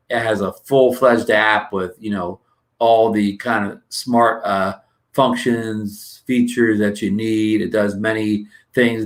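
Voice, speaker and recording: Casual livestream host, male, lowish voice, rambling with lots of ums and restarts, greets chat by name, dry throat. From New Jersey. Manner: rambling, many fillers and restarts, greets viewers.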